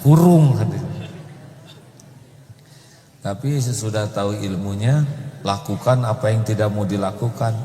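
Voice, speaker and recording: A man giving a humorous sermon, acting out mothers and children in high squeaky voices. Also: a little slow, pauses often, mellow. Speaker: preacher. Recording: echoey hall with faint noise.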